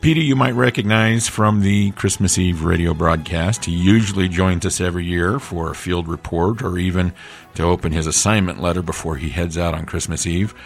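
A man's voice: low-pitched, normal speed, creaky, faint music behind. A man voicing a male elf radio news host who speaks with a formal newscaster delivery. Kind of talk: comedic audio podcast hosting.

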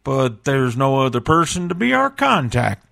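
A man voicing a gruff, blunt male elf flight tracker who talks in plain, rough grammar, as a guest on a comedic podcast. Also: mid-range voice, very animated, normal speed, bright, forceful tone, exaggerated voice. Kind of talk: comedic audio podcast acting.

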